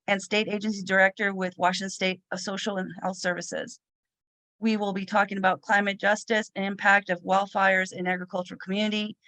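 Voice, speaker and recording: Woman hosting an event, formal podium speech, pretty flat delivery, dry close sound. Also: medium pitch, dry recording. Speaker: moderator and host. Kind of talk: formal podium-style welcome speech, scripted.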